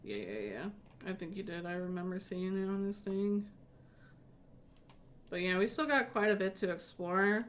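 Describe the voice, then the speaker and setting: A woman hosting a relaxed game-talk stream, rambling along with plenty of "like" and "uh". She sits at middle pitch for a woman and keeps restarting her sentences. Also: normal speed, long pauses, slight background noise. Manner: rambling, many fillers and restarts. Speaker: host. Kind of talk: casual podcast chat.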